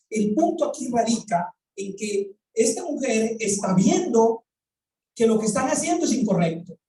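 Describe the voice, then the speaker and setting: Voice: mid-range voice, mellow, far from the mic. A pastor with a Colombian accent preaching a sermon, telling a story and acting out its dialogue, then asking the congregation rhetorical questions. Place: church hall. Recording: echoey room, voice from off the mic.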